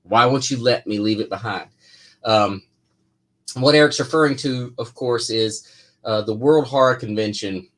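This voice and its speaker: A man's voice: medium pitch, normal speed. A man who writes comics, answering viewer questions in a casual live chat, rambling with lots of fillers and restarts.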